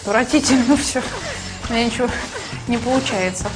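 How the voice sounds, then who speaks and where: Young woman, fairly high voice, halting commentary. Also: low-quality recording. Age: young adult. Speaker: martial artist reviewing a game. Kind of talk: casual spontaneous commentary. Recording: loud music behind.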